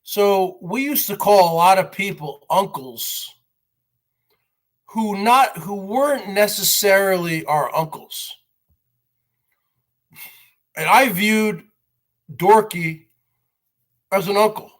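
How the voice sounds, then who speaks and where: A man in his forties from northern New Jersey, in the United States, hosts a livestream and rants in a rambling way, insistently repeating his phrases. His voice is high and fairly bright, slow, with long pauses.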